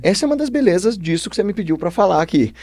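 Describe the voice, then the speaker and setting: A man with a Brazilian accent, a philosopher and podcast guest who explains ideas with the lively manner of an animated storyteller. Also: high voice, rapid-fire, dry recording.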